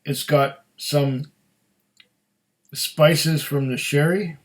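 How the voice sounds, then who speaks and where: A man's voice: fairly high pitch, steady tone, very slow. A middle-aged man who hosts a whisky tasting, talking in a rambling, chatty way with frequent restarts. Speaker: whisky reviewer. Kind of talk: casual tasting chat.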